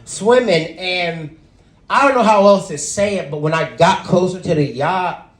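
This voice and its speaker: A man's voice: measured pace, echoey room. A young man doing stand-up, telling a story and acting out the people in it with sudden jumps in his voice. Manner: animated, acts out quotes with big pitch jumps. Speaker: stand-up comedian.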